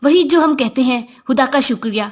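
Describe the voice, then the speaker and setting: A woman voicing an innocent, gentle young woman with a playful, friendly way of talking. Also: sits high.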